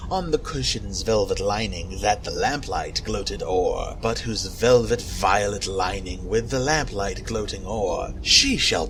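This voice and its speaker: A man's voice: lowish voice, slight background noise, rough recording. A man giving a dramatic recitation of a gothic poem in a hammy, theatrical stage-actor manner. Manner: swings from hushed to loud impassioned cries. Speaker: poetry reader. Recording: music under the voice. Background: background music.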